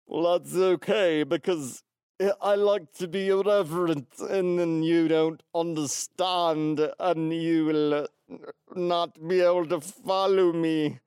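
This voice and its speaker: Guy doing a stuck-up snooty voice, pitched up, drags out the words, real pompous. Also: fairly even intonation, darkish tone, clear, resonant tone, dry recording, clean studio sound. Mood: condescending. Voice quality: haughty, drawn-out sneering delivery. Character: pompous snooty man who thinks he's cool.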